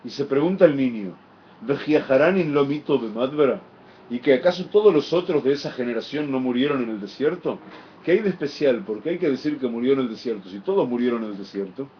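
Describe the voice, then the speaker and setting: A man teaching a Torah lesson, explaining Hebrew text with expressive emphasis and chanted phrases. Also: mid-range voice, a little fast, a little hiss or hum. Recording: dull lo-fi recording.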